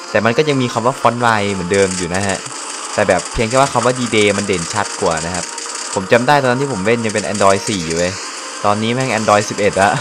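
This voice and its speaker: A young man giving casual gameplay commentary, speaking quietly, exclaiming and laughing often. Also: fairly low pitch. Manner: speaks quietly late at night. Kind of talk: casual let's-play commentary. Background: game music.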